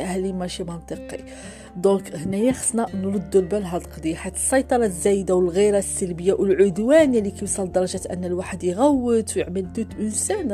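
A woman with a Moroccan Arabic accent hosting an advice podcast on relationships, mixing French phrases in and acting out quoted speech. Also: warm tone. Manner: acts out quoted speech with rising pitch. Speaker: podcast host.

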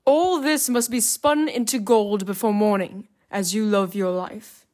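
A woman voicing a greedy king who gives stern, drawn-out commands. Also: mid-range voice, a little mellow, pitched above the performer's own voice, close to an everyday voice. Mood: commanding. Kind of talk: storybook reading.

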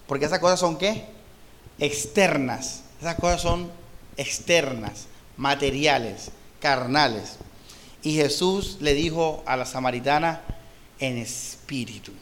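Man, Colombian accent, pastor, expository sermon, reads verses then explains them, question-and-answer preaching, higher-pitched. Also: a bit bright, a little hiss or hum. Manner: poses rhetorical questions and pauses for the answer.

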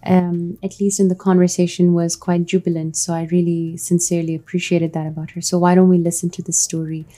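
A woman radio host speaks conversationally in a fairly low voice. Her tone is very mellow and soft-edged, with measured, halting phrasing. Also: flat delivery. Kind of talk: conversational hosting.

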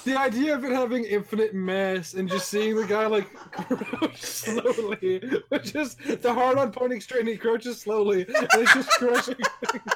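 A man's voice: high voice, animated, measured pace, hardly any pauses, noisy background. A man joining a stream over voice chat, teasing his friends and egging them on. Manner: teasing, eggs others on. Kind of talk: casual stream banter.

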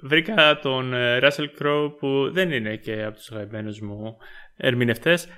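A man with a Greek accent co-hosting a podcast, talking through his views with many pauses and fillers. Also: medium pitch, sharp tone, clean tone. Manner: hesitant, many fillers while reasoning. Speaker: podcast co-host. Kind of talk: casual film discussion.

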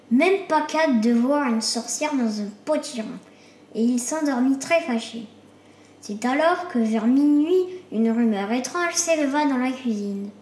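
A woman narrating a children's story in a high voice, taking her time over each phrase. Her reading is clear and steady. The recording carries a roomy echo.

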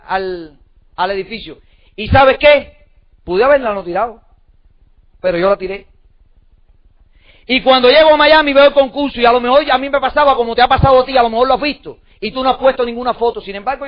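A man giving an emphatic motivational talk to an audience, full of repetition and rhetorical questions. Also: extremely high pitch. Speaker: motivational speaker. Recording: dull lo-fi recording.

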